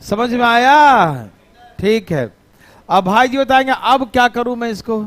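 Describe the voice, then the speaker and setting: A male teacher giving a lively classroom math lesson, teasing and scolding his students playfully. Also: very high voice, unhurried.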